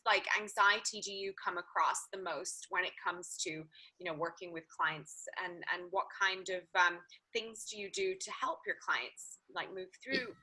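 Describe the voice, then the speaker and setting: A woman's voice: on the low side, bright, forceful tone, rough recording. A woman hosts an interview podcast, asking long, rambling questions with many fillers. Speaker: podcast host. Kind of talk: casual interview conversation.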